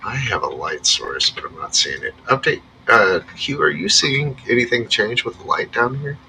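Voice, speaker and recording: A man's voice: medium pitch, expressive, normal speed, vocal fry, pushed and bright, slight background noise, poor audio. A man running a tabletop game as game master, narrating casually.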